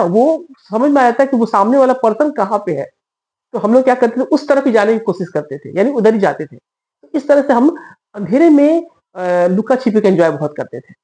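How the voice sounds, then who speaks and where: A woman's voice: medium pitch, warm tone, poor audio. A woman telling a personal story in casual conversational style, chatty with fillers and asides to her listeners.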